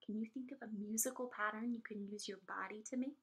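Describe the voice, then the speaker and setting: A woman preschool teacher with a medium-pitched voice reads a picture book aloud with expressive encouragement. She stops to explain things simply and to ask the young children questions.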